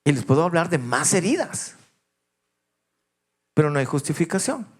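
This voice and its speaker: Male pastor, 50s, fairly high voice, confessional sermon delivery that moves from hushed to raised. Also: big pitch swings, normal speed. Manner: personal confessional storytelling, shifting between hushed and raised voice.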